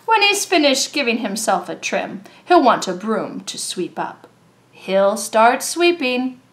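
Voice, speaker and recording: A woman with a fairly high voice reads a children's story aloud, expressive and deliberate, drawing out words for young listeners as a storybook reader.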